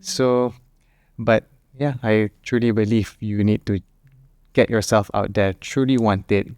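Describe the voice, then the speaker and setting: A man's voice: on the low side, steady tone, unhurried, a little mellow, clear, resonant tone, no echo, clean studio sound. A man, a startup founder in a casual panel chat, talking earnestly and thinking aloud.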